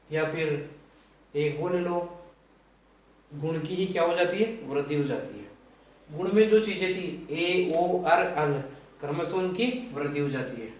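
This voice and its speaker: A male teacher giving a grammar lesson, repeating points and quizzing the class with questions. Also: a little high. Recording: echoey room, mic far off.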